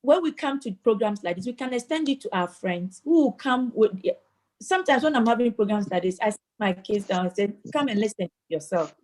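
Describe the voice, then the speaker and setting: Over what sounds like a video call with poor audio, an earnest woman from Ghana leads an online community meeting as its moderator. Her voice is a little high with a darkish tone, and she speaks briskly and animatedly. As she starts sentences she often repeats words, stammering until the thought comes out.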